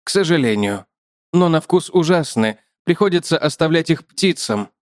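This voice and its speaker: A courteous little spider, as a male reader puts him on, talking in a lifted, higher voice with a matter-of-fact, lecturing manner. The storybook creature sounds close and dry, with no room around him. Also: animated, normal speed, no echo, natural voice. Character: polite chatty male spider, a small biter.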